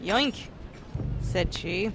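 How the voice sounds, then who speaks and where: A young woman co-hosting a let's play, excitedly calling out button instructions to the player. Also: on the low side, very slow, music in the background. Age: young adult. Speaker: co-host coaching the player. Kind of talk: casual gaming chat. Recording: loud background noise.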